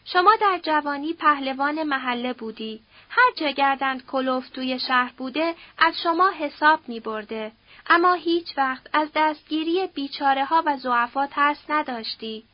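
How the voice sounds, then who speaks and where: A young man, earnest and patient, coaxing someone in a soft, measured tone, as a woman narrator puts him on. The voice sits lower and quieter than her narration, with a muffled, dry audiobook sound. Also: no room sound, natural voice. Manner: measured, soft-spoken pleading. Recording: dull dry audiobook recording.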